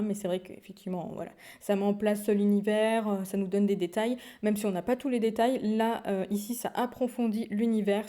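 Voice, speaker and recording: A young woman talks through her recent reads in a loose, chatty way, stumbling over words, restarting sentences and laughing now and then. Her voice is soft and mellow, at a middle pitch. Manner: chatty, many fillers and restarts, frequent laughs. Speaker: book vlogger. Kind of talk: casual chat.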